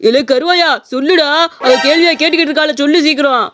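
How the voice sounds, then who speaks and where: Playing a melodramatic, lovestruck, hot-headed young man in a cartoon, a man wails his lines with great drama. He talks fast at an extremely high pitch, and crowd noise can be heard. The recording also has audible background hiss.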